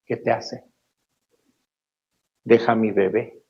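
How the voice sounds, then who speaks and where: A man's voice: lowish voice, steady tone, slow pace, creaky, a little mellow, dull audio. A man doing a whiny overprotective mother. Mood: pleading. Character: doting overprotective mother pleading for her son.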